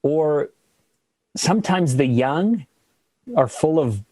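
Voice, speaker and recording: A podcast host musing aloud and setting up a question for a guest. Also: male voice, on the high side, expressive, slow, dark tone, no echo. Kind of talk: conversational interview.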